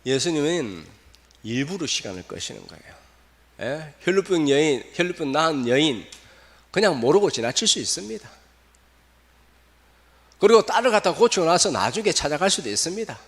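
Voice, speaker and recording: Animated male pastor preaching. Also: fairly high pitch, moderate pace, long pauses. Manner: animated preaching, asks the congregation questions. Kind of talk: sermon. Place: church sanctuary. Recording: long reverb of a church hall.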